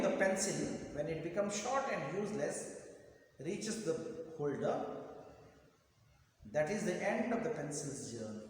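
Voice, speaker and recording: A man's voice: on the high side, heavy reverb, in a large hall, a little hiss or hum, rough recording. A man teaching a poetry lesson, explaining and often repeating lines and asking "huh?".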